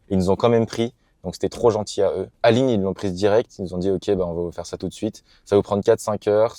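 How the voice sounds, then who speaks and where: A young man chatting casually in a travel vlog, relaxed and slangy as he tells what happened. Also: lowish voice, no room sound. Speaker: travel vlogger.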